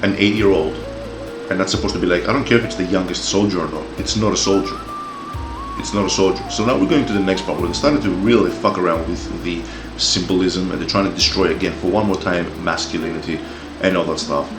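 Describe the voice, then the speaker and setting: Low-voiced and quick, this Greek-Australian commentator in his forties, born in Greece and raised in Australia, delivers a heated, profane opinion rant, tripping over repeats as he gets worked up. Music plays behind him in a roomy space.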